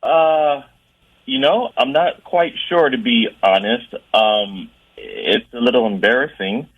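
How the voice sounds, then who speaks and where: A man's voice: mid-range voice, lively intonation, takes it slowly, slightly rough. A man talking on a phone call, hesitant and sheepish as he explains himself. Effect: heard over a phone line. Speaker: caller on the phone. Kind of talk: casual phone chat. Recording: muffled phone call audio.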